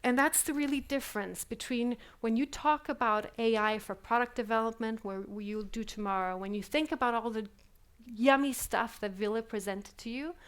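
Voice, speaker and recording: Her voice sits on the high side and is smooth, moving at a moderate pace. Speaking English as a second language, she gives a reflective live keynote in a conference hall, using many fillers and frequently asking the audience questions.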